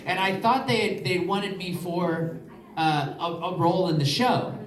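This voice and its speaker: A man on a convention panel telling a story in a halting way, with many restarts. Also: high voice. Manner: halting, with false starts and fillers. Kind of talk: rambling anecdote and panel moderating. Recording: echoey hall, far mic, audience noise.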